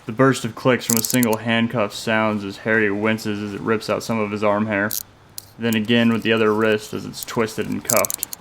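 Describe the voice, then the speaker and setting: Low, flat-voiced male storyteller. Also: creaky, slight background noise. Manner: steady, flat, measured delivery. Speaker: narrator. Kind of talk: scripted story narration.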